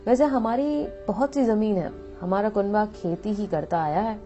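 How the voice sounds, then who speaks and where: A woman's voice: mid-range voice, normal speed, mellow, close to an everyday voice. A woman voicing a friendly, chatty young male medical student in a storybook reading. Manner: chatty, teasing, then earnest. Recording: dull lo-fi audio with faint music.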